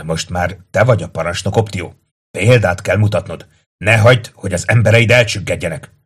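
A man voicing a young, stern Roman centurion giving crisp commands. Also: low-pitched. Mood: quiet firm.

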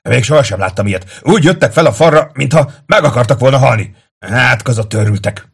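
A man voicing a dazed, weary Roman junior officer who speaks in a shaken, halting way. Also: medium pitch, animated, gravelly, breathy edge, pitched above the performer's own voice, exaggerated voice.

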